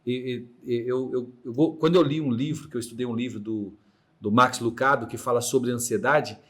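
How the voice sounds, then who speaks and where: A podcast host with a Mato Grosso Brazilian Portuguese accent talks in a medium-pitched, fairly even voice at normal speed. He chats casually but hesitantly, restarting often and imitating heartbeat sounds as he explains. He's in a room without air conditioning.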